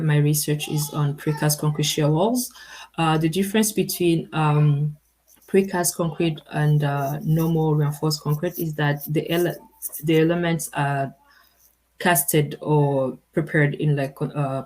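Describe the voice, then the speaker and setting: A woman's voice: low voice, a little mellow. A young woman from Rwanda giving a research presentation as a PhD candidate, hesitant with many fillers.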